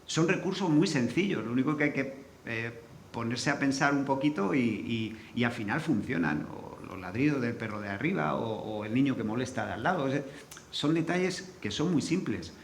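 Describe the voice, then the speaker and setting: At an indoor forum venue, a Spanish sound designer with a Castilian accent talks on a panel, animated and at normal speed in a mid-range voice. He's colloquial, swears loosely and tells anecdotes. The room is echoey, with faint background noise.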